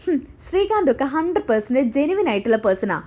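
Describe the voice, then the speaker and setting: A woman's voice: high-pitched, big pitch swings, fast talker, warm tone. Upbeat young woman owner read by a woman narrator, praising and cheerful.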